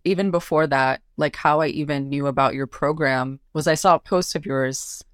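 A woman's voice: low-pitched, normal speed, smooth, no echo, studio quality. A woman, a bridal makeup artist, talking casually as a podcast guest and acting out what her family said. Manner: animated storyteller, acts out family quotes.

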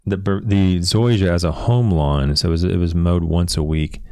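Very deep-voiced host from Oklahoma. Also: male voice, steady tone, moderate pace, warm tone, dry recording, clean studio sound. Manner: reads details aloud with restarts. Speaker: podcast host. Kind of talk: casual interview about turf research.

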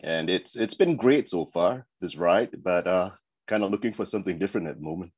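Deep-voiced man from Singapore, rambling. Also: a little fast, husky, dry recording, studio quality. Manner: relaxed and rambling, many fillers and restarts. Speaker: guest, advertising creative. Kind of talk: casual interview chat.

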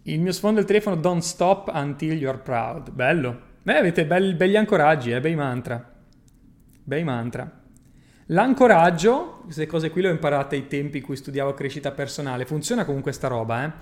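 Male coach on a casual livestream, a touch higher-pitched than most men, blunt and emphatic, swears freely, keeps checking the listener follows. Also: a little fast. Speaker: personal growth coach. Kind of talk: casual livestream talk reading viewer comments.

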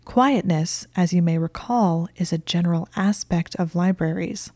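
A woman voicing a prim, sharp-tongued young witch who answers in dry, clipped retorts. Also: lowish voice, measured pace, no echo.

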